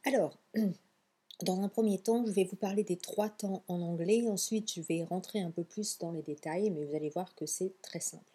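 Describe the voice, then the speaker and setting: Mellow, husky teacher woman. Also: on the low side, normal speed. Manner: chatty, encouraging, mixes English phrases into French. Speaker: English pronunciation teacher. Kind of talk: online language lesson.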